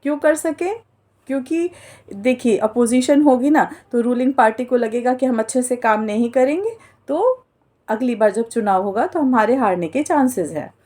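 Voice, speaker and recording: A woman's voice: a little high, expressive, moderate pace, darkish tone. A woman giving an earnest explainer monologue, defining terms and mixing in English words as she goes. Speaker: political commentator.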